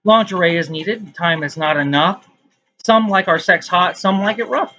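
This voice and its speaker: A man's voice: sits high, moderate pace, bright, forceful tone, muffled recording. A man reading his own poems aloud in a casual vlog, with rambling, self-mocking asides between them.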